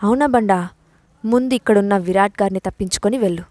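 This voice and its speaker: A woman's voice: mid-range voice, quick pace, warm tone, no room sound, lightly acted. A woman reading the part of a bold young woman boss in an audio story, with a mocking, commanding way of talking. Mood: taunting.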